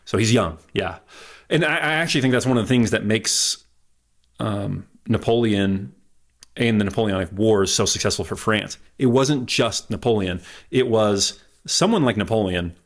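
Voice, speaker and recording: Man explaining history, lowish voice. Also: moderate pace. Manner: confident, explaining with rhetorical questions. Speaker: guest, history enthusiast. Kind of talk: explanatory interview talk.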